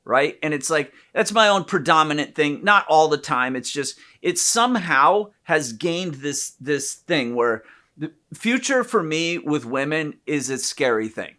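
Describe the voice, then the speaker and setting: A man co-hosting a candid conversation about relationships, talking in an animated, profane way with loud bursts of emphasis. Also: fairly high pitch, a little slow. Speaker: podcast co-host, therapist.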